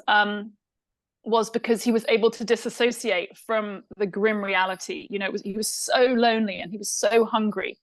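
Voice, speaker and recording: English woman director, talks it through with lots of ums and restarts, mid pitch, dead dry sound. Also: dry recording, poor audio. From England. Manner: thoughtful, many fillers and restarts. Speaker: film director. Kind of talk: interview answers.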